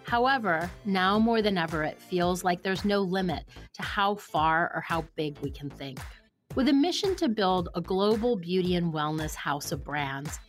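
A woman host reading a scripted introduction in a measured way. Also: fairly low pitch, lively intonation. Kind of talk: scripted narration. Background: faint music.

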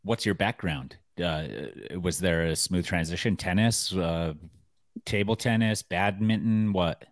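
A man with a very deep voice co-hosts a casual chat. He talks loosely, joking and filling with "like". The recording is dry and close-miked. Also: unhurried, no room sound. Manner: loose, joking, heavy use of "like". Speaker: podcast co-host.

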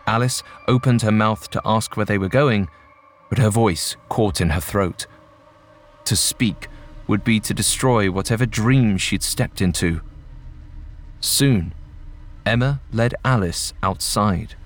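A man narrating a ghost story in a measured, suspenseful storytelling manner. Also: on the low side. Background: faint music.

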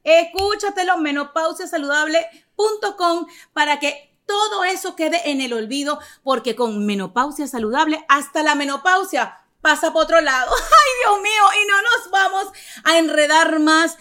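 A playful woman in her forties hosts her podcast in a high, bright voice, teasing her guest and breaking into laughter. Her talk is casual and lively. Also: moderate pace. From Venezuela. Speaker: podcast host. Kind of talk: casual chat.

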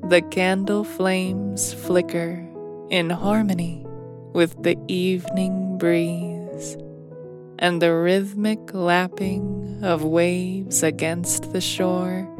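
Woman, very slow bedtime tuck-in narration, soothing, lowish pitch, piano music behind. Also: little pitch movement. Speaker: sleep story narrator. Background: soft piano music.

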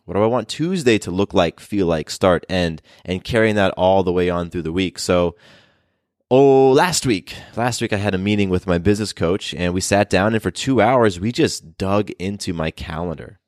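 Upbeat deep-voiced male podcast host. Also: moderate pace, darkish tone, dry recording, studio quality. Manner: upbeat, chatty, with fillers and restarts. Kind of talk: casual solo podcast talk.

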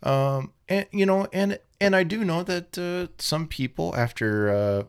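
A man co-hosting a comedy podcast who talks in a halting way, full of "uh" and "you know". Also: on the high side, animated, clear, resonant tone. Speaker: podcast co-host. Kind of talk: comedic banter.

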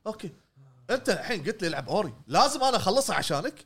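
A man talks in a high voice, far above most men's, and at a rapid clip. He co-hosts a podcast and banters defensively with his friends. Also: big pitch swings, a bit bright, a little hiss or hum. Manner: fast, joking, defensive. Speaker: podcast co-host. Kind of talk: casual chat.

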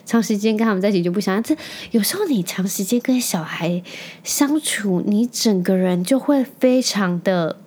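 Woman, 30s, casual podcast monologue, chatty, venting, mid pitch. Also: moderate pace, darkish tone. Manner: chatty, vents angrily, drops in English words. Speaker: podcast host and mother.

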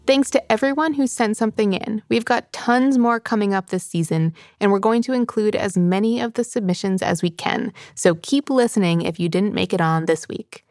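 A woman hosting a children's cooking podcast, reading scripted announcements and credits clearly and in a friendly way. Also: mid-range voice, normal speed, few pauses, a little mellow, no echo, clean studio sound. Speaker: podcast host.

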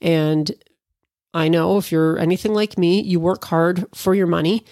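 Sounding slightly stuffy from allergies, this Canadian cannabis cooking vlogger chats informally and wanders off on asides and fillers as she talks about cooking. Her voice sits on the low side, dark and steady, and she's unhurried. The studio sound is clean, with no room sound.

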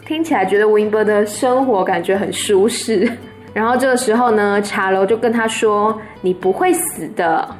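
A woman's voice: mid-range voice, moderate pace, faint music behind. Playful Taiwanese-accented woman storyteller. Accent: Taiwanese Mandarin. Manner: playful, laughing commentary. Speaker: storyteller host. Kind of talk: storybook reading with chatty asides.

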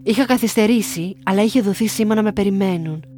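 A young woman from Greece reading her own story aloud in a calm, measured way. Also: mid-range voice. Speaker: narrator. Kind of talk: scripted first-person narration. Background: faint music.

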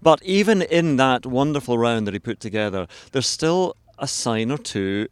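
A man's voice: medium pitch, animated, normal speed, clean tone, no room sound. A man chatting as a golf pundit, with a wry, rambling way of making his points. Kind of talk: casual studio discussion.

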